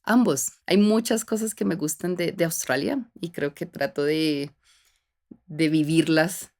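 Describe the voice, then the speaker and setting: Una mujer colombiana de unos treinta años, con acento de Bogotá, que conversa como invitada en una entrevista y cuenta sus vivencias con pausas y muletillas. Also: female voice, low-pitched. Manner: reflective, warm storytelling with frequent fillers and restarts. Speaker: guest. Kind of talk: casual conversational interview.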